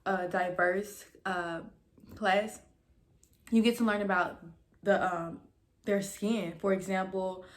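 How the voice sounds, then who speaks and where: A young adult woman hosting a casual, chatty vlog, rambling and emphatic, her speech slightly impeded by a dental retainer. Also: medium pitch. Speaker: YouTube host and esthetician student.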